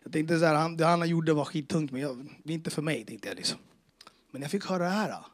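With a slightly high voice and lively intonation, a man tells his church audience his faith testimony, earnest, emotional and casual, full of street slang and dialogue he acts out.

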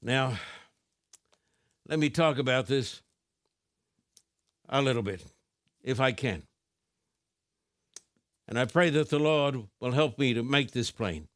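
A man preaching a televised sermon from a studio, reading scripture slowly and deliberately and speaking directly to his viewers. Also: medium pitch, fairly bright tone, no echo. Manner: slow, deliberate, emphatic, addresses viewers directly.

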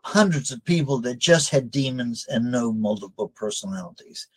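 An older man answering interview questions as a deliverance counselor, measured and hesitant with many fillers. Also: medium pitch, lively intonation, slightly rough, poor audio.

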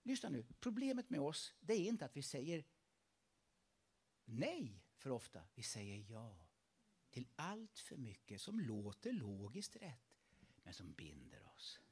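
A male pastor preaching a sermon, animated and emphatic, repeatedly urging listeners to listen closely. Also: medium pitch, slightly rough.

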